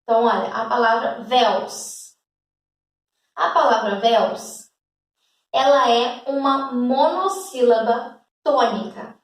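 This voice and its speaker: A woman teacher with a Brazilian accent, giving a grammar lesson patiently and often checking that students follow. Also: high voice. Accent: Brazilian Portuguese. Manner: patient, repeats examples, checks understanding with "tá?". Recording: echoey room, voice from a distance.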